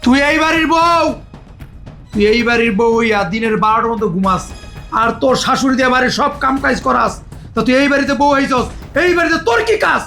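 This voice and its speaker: A man playing a stern, gravelly old father. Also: very high-pitched, quick pace, bright, forceful tone, faint music behind, full character voice. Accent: Bangladeshi Bengali. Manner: rebuking, rustic dialect. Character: stern older father disguised as mother-in-law.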